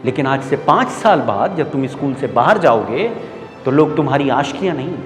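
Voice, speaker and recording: A man's voice: mid-range voice, lively intonation, moderate pace, lightly acted. A stage actor playing a stern but caring male schoolteacher who lectures his students, with an Indian accent. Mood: earnest. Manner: scolding, preachy, rising to loud outbursts. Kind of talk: theatre monologue. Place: stage in a hall. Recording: echoey hall with music behind.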